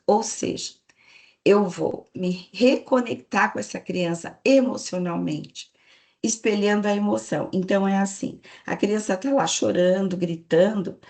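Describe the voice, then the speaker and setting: A woman's voice: mid-range voice, darkish tone. A woman giving a lecture to a live audience, explaining patiently and checking in with the listeners. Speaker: speaker giving a parenting talk to staff.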